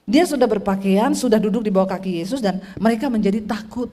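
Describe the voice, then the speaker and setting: A middle-aged woman pastor preaching a sermon, telling stories with lively swings in pitch and loudness and speaking directly to the congregation. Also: fast, slight background noise.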